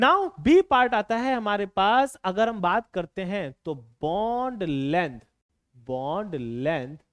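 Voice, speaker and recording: A man teaching chemistry in an online exam-prep lecture, dictating slowly and repeating phrases, coaxing students with words like beta and bhai. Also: high-pitched, no echo, clean studio sound.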